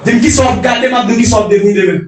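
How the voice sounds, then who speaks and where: A man preaching a sermon to young people, impassioned, repeating and restarting his phrases and shouting calls of alleluia. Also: extremely high pitch, quick pace. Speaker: prophet preaching. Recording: echoey hall picked up from a distance.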